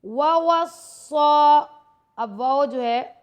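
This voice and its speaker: A woman teaching a recitation lesson, explaining each rule quickly and then reciting the verse slowly. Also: on the high side, highs cut off.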